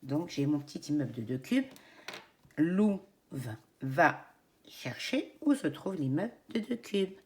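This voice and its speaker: A woman presents like a kids show host, with a very lively, singsong melody. She speaks slowly and instructively, guiding young children step by step with encouragement. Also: deep voice, a little hiss or hum. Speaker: teacher presenting a children's counting game. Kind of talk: educational demonstration addressed to young children.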